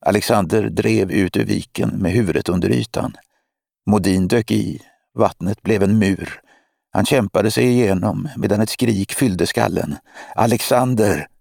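A man reading an audiobook in a measured, steady narration. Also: on the low side, vocal fry, dry recording, studio quality. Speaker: audiobook reader. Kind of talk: scripted narration.

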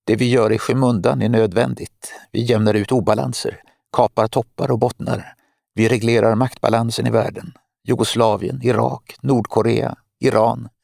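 A man's voice: medium pitch, little pitch movement, creaky, a little mellow, no echo, studio quality. A man voicing a cold, mocking woman spymaster. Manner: mocking, lecturing, menacing. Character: cold scheming woman spymaster, middle-aged.

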